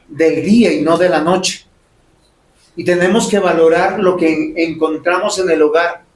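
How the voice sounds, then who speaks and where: A man preaching a sermon as pastor, emphatic and full of rhetorical questions. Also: fairly high pitch. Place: church sanctuary. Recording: roomy church echo.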